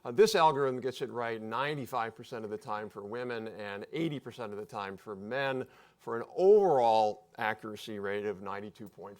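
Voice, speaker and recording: A man speaking as a panelist at a live public discussion, explaining points in an offhand, joking way. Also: medium pitch.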